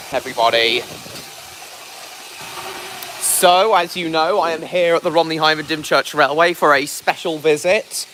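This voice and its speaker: A man's voice: on the high side, low-quality recording. A man doing a casual live stream outdoors, raising his voice and often repeating himself as he goes. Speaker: livestreamer, train enthusiast. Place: outdoors at a heritage railway engine. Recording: loud engine noise behind voice. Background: steam engine noise.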